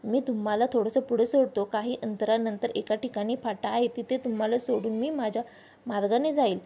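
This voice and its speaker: Friendly young man at the wheel, voiced by a woman, chatty, polite, curious, mellow gravelly tone. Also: a little high, steady tone, a little fast. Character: friendly young man driving home in the rain.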